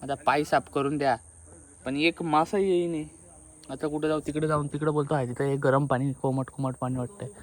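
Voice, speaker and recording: A man's voice: fairly high pitch, fairly even intonation, fairly quick. Chatty man vlogging outdoors. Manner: chatty, joking, switching between Hindi and Marathi. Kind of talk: casual travel vlog. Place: outdoors by the sea. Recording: noisy outdoor phone recording.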